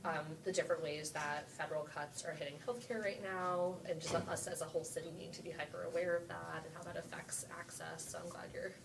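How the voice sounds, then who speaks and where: Low-voiced councilwoman asking questions. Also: steady tone, brisk, few pauses. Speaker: council member. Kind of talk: public meeting discussion. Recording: distant mic with clear background noise.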